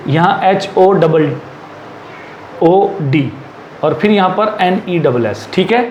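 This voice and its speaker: A high-voiced man teaches a class in Hindi laced with English, repeating each rule slowly as he writes it and asking questions he answers himself. The room is echoey, with a faint hum behind him. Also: lively intonation, a little mellow. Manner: repeats and dictates slowly while writing.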